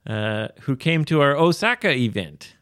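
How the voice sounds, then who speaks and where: Slow-talking man from Canada, dry sound. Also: medium pitch, sing-song, fairly bright tone, clear, resonant tone, dry recording. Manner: easygoing, encouraging, plays with idioms. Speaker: podcast co-host. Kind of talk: casual chat.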